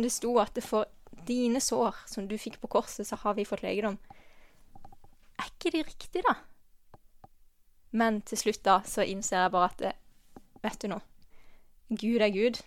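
A woman giving a personal faith testimony, halting and earnest, with many pauses and restarts, sometimes dropping to a soft whisper. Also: mid-range voice, dry recording. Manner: drops to a soft whisper at tender moments. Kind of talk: personal testimony, spoken from memory.

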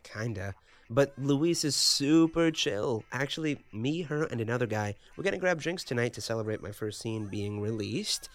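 A man's voice: medium pitch, expressive, normal speed, close to an everyday voice. An actor playing a young Indian-American man, laid-back and a bit defensive, speaking with dry earnestness. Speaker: aspiring adult-film actor. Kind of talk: sitcom dialogue.

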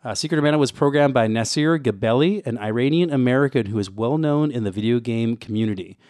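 A man's voice: mid-range voice, fast talker, a little mellow, no room sound, studio quality. A man co-hosting a casual retro gaming podcast, presenting background notes with wry, joking asides. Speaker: co-host giving game background.

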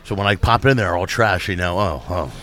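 A man's voice: low-pitched, fast talker, fairly bright tone. A man chatting casually on a podcast in brash, profane bro talk, repeating himself for emphasis.

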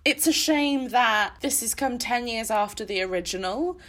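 A woman's voice: fairly high pitch, expressive, normal speed, fairly bright tone. A woman in her thirties co-hosting a podcast, chatting casually and emotionally about books, laughing often. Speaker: podcast co-host. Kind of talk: casual book-club chat.

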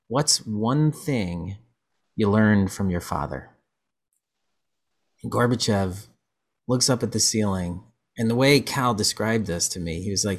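A man hosting a podcast, telling stories in casual chat, rambling with many restarts. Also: on the low side. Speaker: podcast host.

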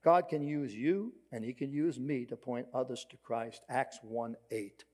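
A man's voice: medium pitch, measured pace, darkish tone. A man with a Brooklyn accent preaching a sermon as a pastor, emphatic yet conversational, posing rhetorical questions. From Brooklyn, New York.

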